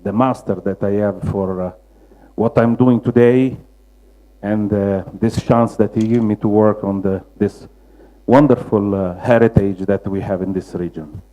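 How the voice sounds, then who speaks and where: A man with a Roman Italian accent gives a public slide lecture, searching for words in halting non-native English. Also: lowish voice, fairly even intonation, mellow, low-quality recording. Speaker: lecturer, mosaic restorer.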